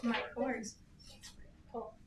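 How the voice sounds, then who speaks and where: A woman walking colleagues through a software tool in a casual, quick, enthusiastic way at an office meeting, heard from across the room. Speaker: real estate staff presenter. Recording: echoey room, distant mic, faint noise.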